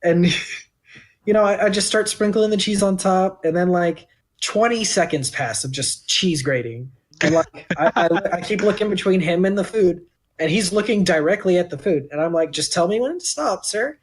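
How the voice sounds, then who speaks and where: A man's voice: high-pitched, normal speed. Chatty Texan guy telling a story. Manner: laughing storyteller, quotes customers in put-on voices. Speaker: podcast co-host. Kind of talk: casual chat.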